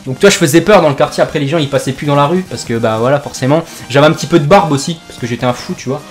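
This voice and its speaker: A man's voice: a little high, very fast, faint music behind. A young man from France, a gaming YouTuber, tells a made-up joke story over gameplay in rambling, jokey slang full of fillers.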